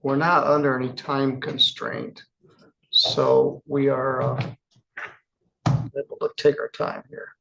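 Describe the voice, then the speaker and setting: Man, judge on the bench; gravelly, unhurried, plainspoken, recorded on dull courtroom audio. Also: mid-range voice, level tone, a bit bright. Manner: measured, plainspoken, chatty asides. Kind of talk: courtroom proceedings.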